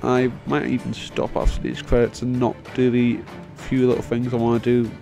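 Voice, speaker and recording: Over the game's end-credits music, a young let's player keeps up his casual, rambling commentary, cursing and poking fun at himself with a voice worn from long talking. Recorded as microphone voice-over on the video, his mid-range voice stays fairly flat in pitch, with a warm, creaky tone and a moderate pace.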